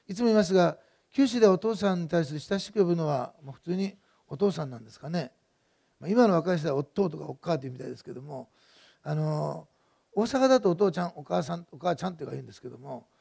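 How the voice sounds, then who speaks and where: A man's voice: high voice, creaky, darkish tone. A middle-aged male pastor preaching a sermon in a conversational, digressive way, with many fillers and personal stories.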